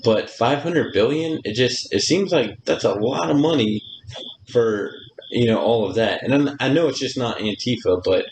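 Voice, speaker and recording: A man's voice: medium pitch, normal speed, darkish tone. A young man co-hosting a casual podcast chat, asking hesitant questions. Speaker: podcast co-host. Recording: roomy room with background noise.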